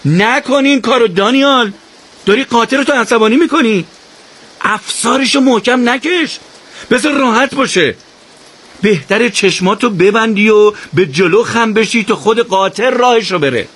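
A man's voice: on the high side, lively intonation, pitched above the performer's own voice. A man voicing a confident male guide who reassures and instructs the others on a mountain trail. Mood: urgent. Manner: reassuring, then shouting orders.

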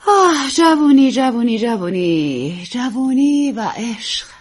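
A woman voicing a melodramatic, self-pitying aging stage actress who talks in drawn-out, sighing repetitions. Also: fairly high pitch, lively intonation, breathy edge, voice pushed up. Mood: dramatic, self-pitying.

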